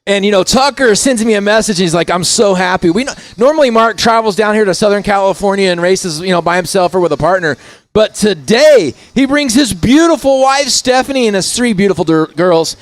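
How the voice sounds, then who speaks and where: A man with a fairly high voice calls a bike race live. He is from Indiana and talks in a chatty, folksy way, full of shout-outs and asides. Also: expressive, brisk, no echo. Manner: chatty, folksy, keeps saying "if you will". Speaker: race commentator.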